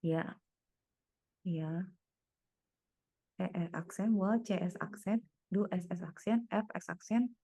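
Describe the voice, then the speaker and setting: Woman tutor, unhurried delivery, dry close sound, mutters through each step while thinking aloud. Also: lowish voice, dark tone, no echo. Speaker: private tutor. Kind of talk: one-on-one tutoring, working through problems aloud.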